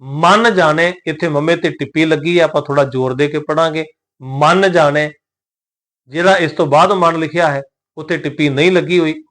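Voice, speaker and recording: Slow, careful male scripture teacher. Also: on the high side. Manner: slow, careful recitation of verses, then plain explanation. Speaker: Gurbani teacher. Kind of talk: scripture pronunciation lesson.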